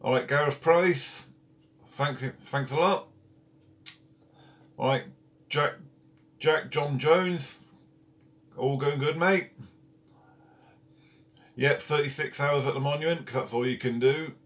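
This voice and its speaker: A man's voice: a little high, takes it slowly, pauses often, a bit bright. A man hosting a casual live stream from home, chatting and greeting viewers one by one by name. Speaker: carp fishing channel host. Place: at home, indoors.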